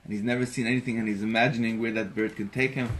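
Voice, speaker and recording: Man giving an animated Torah lesson. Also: on the low side, very fast, very noisy. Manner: animated, acts out the characters, rises to emphatic peaks. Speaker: Torah teacher.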